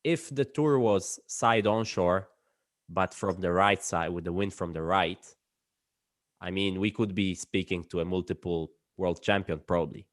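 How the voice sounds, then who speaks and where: A man with a fairly low voice hosts a casual interview. He asks informally, reworking his questions mid-sentence, and is recorded dry with very little room sound. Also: unhurried, dry recording. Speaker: interviewer, host.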